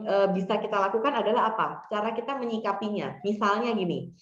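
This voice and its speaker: Woman counselor, echoey dull recording. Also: mid-range voice. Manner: conversational, acts out example dialogues. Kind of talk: workshop talk giving advice.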